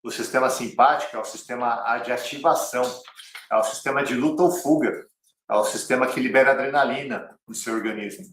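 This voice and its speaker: A man's voice: medium pitch, a little fast, fairly bright tone, slight background noise. A man with a Brazilian Portuguese accent teaching an online cycling lesson, direct and repeating key phrases like a coach. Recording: roomy, slightly distant mic.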